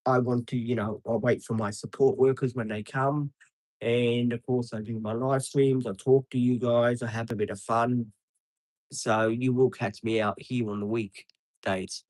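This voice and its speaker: A man's voice: mid-range voice, darkish tone, no room sound. A man, live streaming outdoors beside traffic and chatting casually with viewers, rambling with many ums and answering people by name. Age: 50s.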